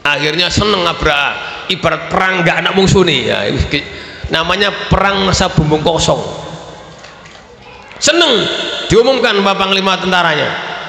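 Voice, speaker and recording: Javanese kyai telling stories in a sermon, bright gravelly voice, big echoey hall. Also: male voice, sits high, moderate pace, pauses often. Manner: animated storytelling, at times shouting. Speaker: kyai preacher. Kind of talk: storytelling sermon. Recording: reverberant hall with faint ambience.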